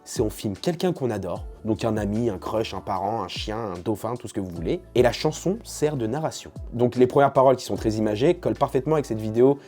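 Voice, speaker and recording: Young man, from France, casual vlog, slangy, jokey, mellow voice, faint music behind. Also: mid-range voice, lively intonation, fast talker, hardly any pauses. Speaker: YouTuber.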